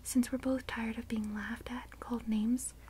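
A woman's voice: fairly high pitch, little pitch movement, moderate pace, warm tone, a little hiss or hum, close to an everyday voice. A woman whispering the lines of a timid young reindeer in a storybook reading. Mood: earnest.

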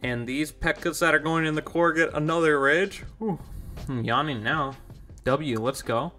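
A man's voice: on the high side, moderate pace, sharp tone, faint music behind. A young man giving rambling, casual commentary over his own gameplay, easily confused and self-deprecating. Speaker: gaming YouTuber.

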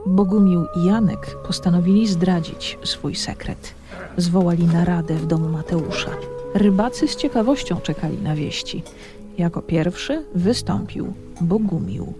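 A man reads a children's legend aloud as a scripted audiobook narration. His voice sits high, and he tells the story in a steady, even manner. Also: measured pace, over music.

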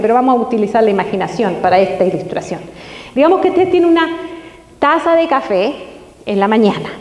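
High-voiced woman quizzing an audience. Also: darkish tone. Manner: asks the audience many quick questions. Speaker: health speaker. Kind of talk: live health talk to an audience. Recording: echoey hall.

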